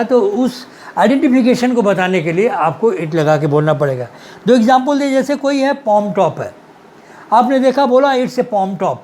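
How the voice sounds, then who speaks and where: A man teaching English grammar in Hindi, patiently repeating example sentences slowly and clearly. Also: high voice, darkish tone, slight background noise. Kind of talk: grammar lesson explained in Hindi.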